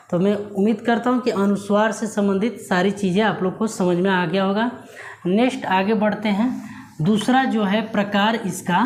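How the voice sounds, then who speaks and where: Male grammar teacher, patient, quizzes the class and answers himself; echoey room, faint hiss. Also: high-pitched. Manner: asks questions and answers them himself; repeats key words slowly for emphasis. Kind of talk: classroom lesson for students.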